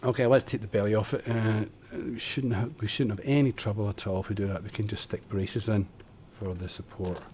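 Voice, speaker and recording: Speaking fairly quickly with few pauses, this man has a lowish, steady, slightly mellow voice, and there's slight background noise. He's live-streaming a building game at home through a desk condenser microphone, offering casual, self-deprecating tutorial chatter and muttering while he works.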